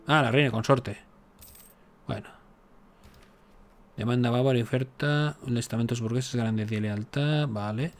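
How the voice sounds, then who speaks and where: In casual let's-play fashion, a gaming YouTuber narrates his strategy game, chatting and joking along the way and tossing exasperated remarks at the game. His voice is pitched at an ordinary middle level.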